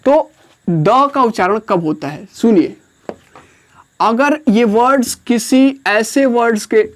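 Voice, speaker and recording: A man from India with an Indian accent, teaching an English grammar lesson in Hindi. He explains slowly, repeats phrases and dictates words one at a time. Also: very high voice.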